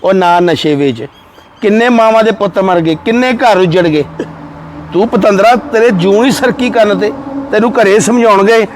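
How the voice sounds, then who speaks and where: An actor playing a blunt village elder who lectures and scolds. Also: male voice, high voice, normal speed, a little hiss or hum, lightly acted. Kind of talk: village short film acting.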